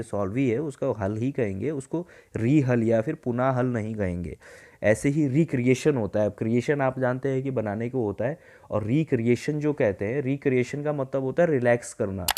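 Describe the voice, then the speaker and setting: Indian man slowly reading and explaining. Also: medium pitch, a little mellow. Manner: reads English phrases slowly word by word, then explains in Hindi; spells out words letter by letter. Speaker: teacher explaining a newspaper editorial. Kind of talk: exam-prep vocabulary lesson.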